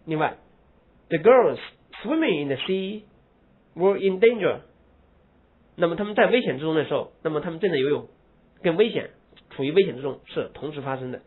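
A man teaching English grammar in a lecture. He explains in Mandarin, asks rhetorical questions and answers them himself, and drawls English example phrases slowly with heavy stress. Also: on the high side, slightly rough. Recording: tinny phone-like lo-fi recording.

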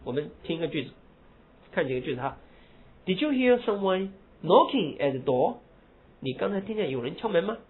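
Man, teacher, lecture, husky voice, lo-fi phone-like recording. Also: sits high, sing-song. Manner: explains in Mandarin, reads English examples slowly and loudly. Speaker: English grammar teacher.

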